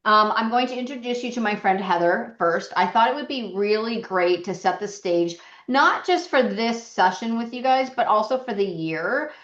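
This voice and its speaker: A woman's voice: medium pitch, lively intonation, moderate pace, few pauses, a bit bright. A woman hosting an informal online session on a video call, chatting in a casual way. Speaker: session host. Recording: roomy, dull lo-fi audio.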